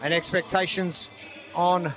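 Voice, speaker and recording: A man anchors live sports commentary in a high-pitched voice. Music plays faintly behind him as he presents the competition. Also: little pitch movement, measured pace.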